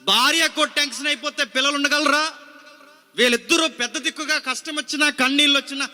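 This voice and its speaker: A man's voice: extremely high pitch, steady tone, fairly quick, bright, forceful tone, in a large hall. A male pastor preaching a sermon, dramatic and full of rhetorical questions to the congregation. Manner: repeats scripture phrase by phrase after a reader.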